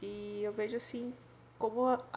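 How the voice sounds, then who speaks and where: An adult woman shares a painful personal memory with her viewers, speaking in a heartfelt, rambling way. Her voice has a gravelly, creaky texture, and she keeps checking in with little tag questions. A faint hiss sits behind her. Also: fairly high pitch, level tone, moderate pace, a little mellow. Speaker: storyteller on her own channel. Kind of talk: confessional personal storytelling.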